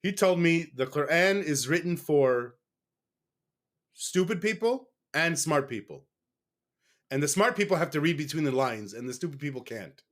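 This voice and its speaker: A man's voice: a little high, expressive, normal speed, a bit bright. A man from the United States speaking in a casual interview as a guest, candid and rambling, often stopping to correct himself.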